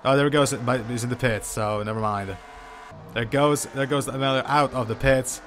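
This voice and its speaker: A man giving live sim racing commentary, hesitant and full of fillers, unsure of the order and bursting into excitement at incidents. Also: mid-range voice, moderate pace, faint music behind. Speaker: race commentator.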